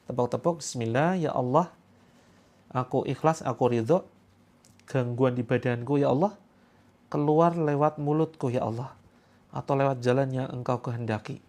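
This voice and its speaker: A man leads a ruqyah healing session. He gives quick instructions and stern commands. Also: mid-range voice, darkish tone. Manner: chants the call to prayer slowly, then gives quick instructions and stern commands. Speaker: spiritual healer leading a ruqyah session. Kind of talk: guided prayer and healing instruction.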